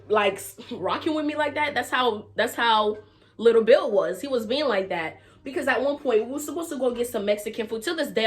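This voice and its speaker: A young woman telling a casual storytime, acting out quotes with big jumps in her voice. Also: slight background noise. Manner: animated, acts out quotes with big pitch jumps and laughter. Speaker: vlogger.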